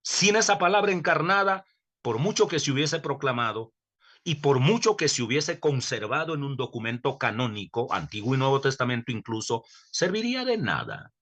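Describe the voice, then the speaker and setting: Bright-voiced man giving an earnest theology lecture. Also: mid-range voice, very animated. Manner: earnest, emphatic, slows down to stress key words, with self-corrections. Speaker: theology professor. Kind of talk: recorded online lecture.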